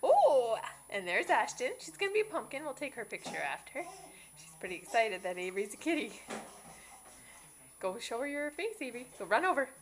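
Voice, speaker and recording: Brief: high, lively woman coaxing a small child behind the camera; noisy old camcorder audio. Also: brisk. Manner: coaxing, sing-song prompting of a small child. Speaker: parent filming her child. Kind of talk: home video.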